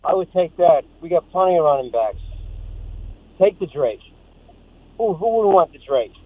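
A man's voice: fairly high pitch, lively intonation, moderate pace, no room sound. A man calling in to a sports radio show, friendly and rambling, joking at his own expense. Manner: friendly, rambling, self-deprecating. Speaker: caller. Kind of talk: phone call to a radio show. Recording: tinny phone line.

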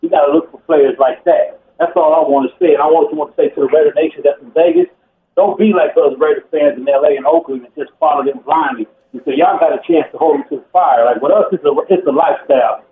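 A man's voice: on the high side, expressive, fast talker. Man calling from a bar, roomy noisy phone line. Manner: emphatic, repetitive, informal. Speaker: phone-in caller. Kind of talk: casual sports opinion. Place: just outside a bar during a party.

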